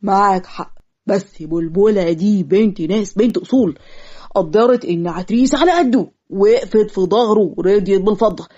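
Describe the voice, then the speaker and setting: A woman's voice: medium pitch, normal speed, mellow, natural voice. A woman with an Egyptian accent voicing an earnest, easily offended young man in a cartoon story. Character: young man, loyal cousin, touchy. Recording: lo-fi muffled audio.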